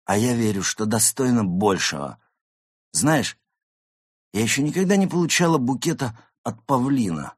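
A man's voice: medium pitch, lively intonation, moderate pace, breathy edge, no echo, studio quality, voice pushed up. A man voicing a drunk, dramatic female goose who is a stage actress, with theatrical, swooping exclamations in an audiobook. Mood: dreamy. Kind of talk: audiobook character voice.

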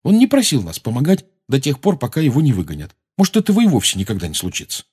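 A calm teenage schoolboy from a storybook, as a man plays him, quiet and reassuring. The voice is somewhat husky. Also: mid-range voice, fast, pitched above the performer's own voice. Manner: quiet, soothing.

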